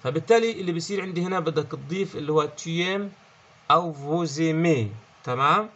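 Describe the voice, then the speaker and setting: Male teacher with a Levantine Arabic accent, slightly high voice, patient explainer, dull muffled recording. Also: fairly quick, a bit bright. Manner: explanatory, checks in with "okay?" often, repeats key words. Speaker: French teacher. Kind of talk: online language lesson.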